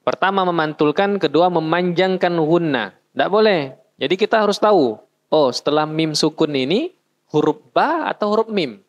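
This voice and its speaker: A man's voice: on the high side, lively intonation, moderate pace, dull audio. A man teaching a class how to recite, explaining patiently and chanting short verses as examples. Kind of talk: recitation lesson. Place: mosque.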